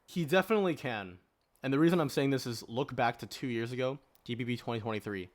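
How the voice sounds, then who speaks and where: In a casual podcast debate, a male panelist speaks quickly at a mid-range pitch. He argues at length, often asking rhetorical questions and using "like" as a filler.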